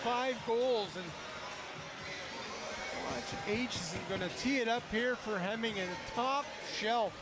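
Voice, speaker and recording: A man's voice: extremely high pitch, unhurried. A man working as a hockey colour commentator, breaking down replays with emphatic enthusiasm. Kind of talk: sports replay analysis.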